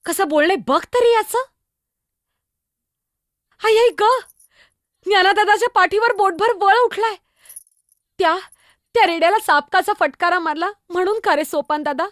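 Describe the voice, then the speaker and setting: A woman's voice: very high-pitched, fairly quick, a bit bright, dry recording, studio quality. Muktai, a woman playing a chirpy young girl. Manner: chatty, teasing, innocent, exclamatory. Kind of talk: solo stage monologue.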